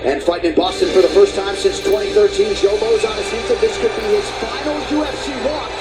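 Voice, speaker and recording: A man's voice: high voice, a little fast, poor audio. A male sports announcer reading scripted broadcast promos in a polished, emphatic way. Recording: broadcast with loud music bed.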